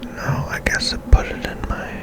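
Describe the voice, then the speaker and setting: Breathy, gentle whispering carries this video game commentary from an ASMR creator. They muse to themselves slowly and tentatively, never rushing.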